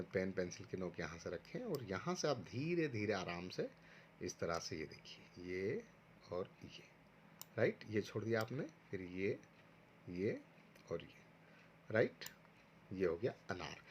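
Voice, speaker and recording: A man's voice: lowish voice, very animated, a little slow, dull audio, slight background noise. A man teaching a recorded online lesson to first graders, patiently going step by step and sounding out syllables for pupils to repeat. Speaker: primary school teacher.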